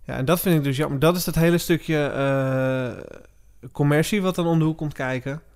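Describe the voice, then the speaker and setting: A man's voice: fairly high pitch, moderate pace, clear, resonant tone. A man co-hosting a casual podcast, mostly chiming in with short agreeing remarks. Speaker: podcast co-host.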